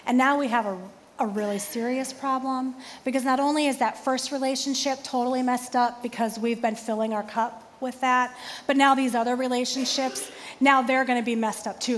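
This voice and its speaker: A woman pastor in her forties giving an animated sermon with self-deprecating humor. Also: fairly high pitch, moderate pace, in a large hall, slight background noise.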